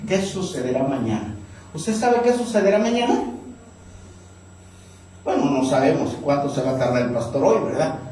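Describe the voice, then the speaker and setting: A pastor delivers a Sunday sermon as an animated storyteller, his high voice swinging widely as he acts out scenes. The sound is very echoey and picked up from a distance in a church hall, with faint noise underneath. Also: normal speed, long pauses. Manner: animated storyteller, raising pitch for characters' lines.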